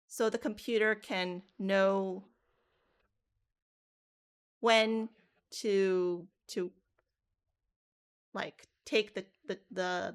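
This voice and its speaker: A woman running a live coding workshop for teachers, casual and talking through each step aloud with frequent restarts. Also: mid-range voice. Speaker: teacher trainer.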